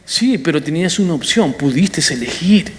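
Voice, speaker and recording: Un pastor predicando un sermón de forma animada, con apartes juguetones. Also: male voice, a little high, normal speed. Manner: animated preaching with playful asides. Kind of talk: sermon.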